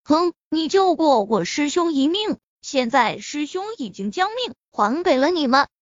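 A woman's voice: high-pitched, expressive, measured pace, dry recording, lo-fi sound. A woman voicing a cold, curt male martial artist.

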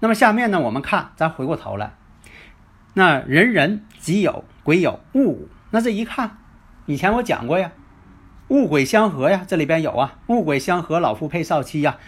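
A man hosts a lesson on Chinese metaphysics with a fairly high-pitched voice. He tells teaching stories slowly, stretching his filler particles as he goes. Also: sing-song. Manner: unhurried, full of drawn-out filler particles. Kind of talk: storytelling lecture.

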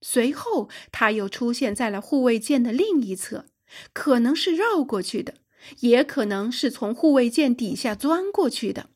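A woman's voice: fairly high pitch, moderate pace, husky. A woman narrating a sci-fi adventure audiobook for young listeners, telling it expressively. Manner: expressive storytelling.

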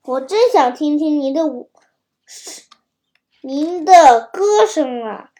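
A woman's voice: sits high, slow. A woman voicing a sly, greedy fox who sweet-talks other animals in a children's story. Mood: wheedling. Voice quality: sweet, wheedling flattery.

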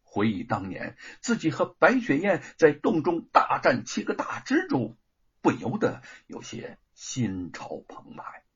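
A man narrating a serialized story in a dramatic, expressive reading, in a dull lo-fi recording. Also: fairly high pitch, a little slow, slightly rough.

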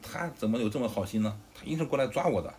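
A man voicing a hot-tempered male general who shouts blustering accusations in a storybook retelling. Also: fairly low pitch, expressive, brisk, a little hiss or hum. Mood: angry.

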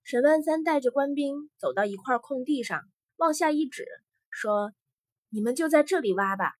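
A woman telling a folk tale as a storyteller, in a vivid and lively manner. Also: on the high side, slightly rough, dry recording.

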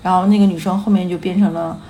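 A woman co-hosting a radio podcast in casual chat, telling stories lively, acting out quoted dialogue and laughing often. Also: fairly low pitch, fast. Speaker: podcast co-host. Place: radio studio.

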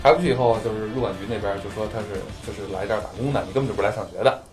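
A man's voice: fairly low pitch, rapid-fire. A man with a Beijing accent telling anecdotes in a casual chat, with slangy, earthy talk and free swearing. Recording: music playing behind. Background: music.

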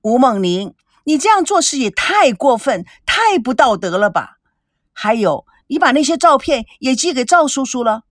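A woman's voice: sits high, big pitch swings, moderate pace, no room sound, clean studio sound. A woman voicing a spoiled, angry young woman who scolds and interrogates sharply in an audiobook. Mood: scolding. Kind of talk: audiobook character reading.

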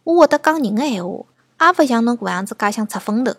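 A woman's voice: a little high, expressive, fast talker, no room sound, clean studio sound. A woman with a Shanghai accent voicing a vain, impatient, boastful myna bird in a children's storybook. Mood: scornful, boastful. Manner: boastful, scolding. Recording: music bed behind the voice.

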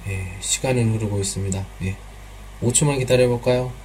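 A man's voice: mid-range voice, a little fast, a little mellow, slight background noise. A man teaching pronunciation in a live online class, patiently repeating drill sounds and mixing in some Chinese words.

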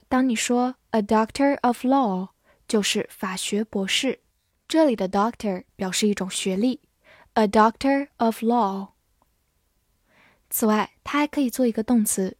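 Slow, careful woman teaching vocabulary. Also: medium pitch, no room sound, studio quality. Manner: spells words letter by letter and reads slowly for practice. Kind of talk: vocabulary lesson.

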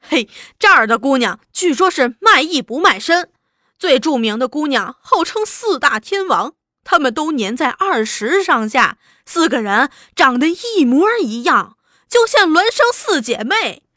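Woman doing a sly young guy in the know, gossipy, bright lively voice, storybook. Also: sits high, unhurried, no room sound, studio quality, exaggerated voice. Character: worldly young man, knowing guide to town's vice.

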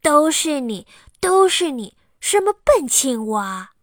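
A woman doing a rude, shouting schoolboy. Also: sits high, very animated, slow, dry recording, studio quality, voice pushed up, heavily acted. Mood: furious. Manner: shouting insults. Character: rude bad-tempered schoolboy.

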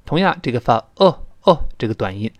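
A man teaching English pronunciation, explaining sounds step by step to listeners and drawing out example words slowly. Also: mid-range voice, sing-song, dry recording.

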